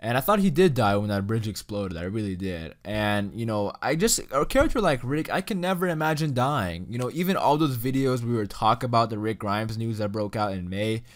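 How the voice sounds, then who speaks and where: A man's voice: mid-range voice, lively intonation, a little fast, few pauses. A young man giving a casual, enthusiastic ranking commentary, full of "you know" and "like.". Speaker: YouTube reviewer.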